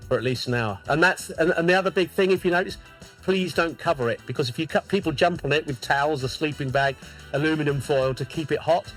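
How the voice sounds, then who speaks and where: Man, slightly higher voice, firm instructive cooking tips, interview guest, faint music behind. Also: fast, a bit bright. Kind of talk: giving cooking advice in an interview.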